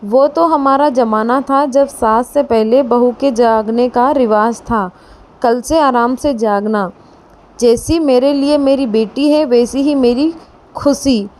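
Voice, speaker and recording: A woman voicing an affectionate older mother-in-law who coaxes her new daughter-in-law gently. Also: a little high, takes it slowly.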